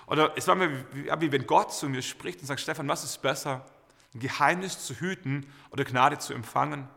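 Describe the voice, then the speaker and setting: Bright-voiced preacher in a hall. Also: male voice, fairly high pitch, vocal fry. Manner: lively anecdotal storytelling with many fillers. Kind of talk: storytelling sermon. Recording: reverberant hall.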